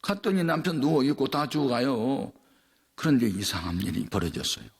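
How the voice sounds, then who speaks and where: Preaching at a revival, this man spins a homespun tale that swells into passionate sermonizing, his pitch and loudness rising and falling sharply. He's very animated, talks a bit quickly, and has a breathy edge.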